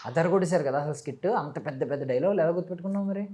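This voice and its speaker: A woman interviewing a child guest in a relaxed, playful way, teasing him with a stream of questions and mixing English words into her speech. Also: deep voice, racing. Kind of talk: casual interview chat.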